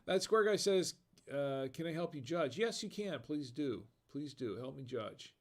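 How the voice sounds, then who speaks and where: An American man with a slightly high, animated, unhurried voice runs a relaxed livestream. Dad jokes set in bars are his thing, and he chuckles at each one before turning to read viewers' comments aloud.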